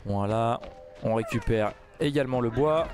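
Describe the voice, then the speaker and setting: A man giving casual let's play commentary, mumbling then bursting into loud outbursts. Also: mid-range voice, normal speed, over music. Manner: excitable, swings from mumbling to outbursts. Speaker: gaming YouTuber.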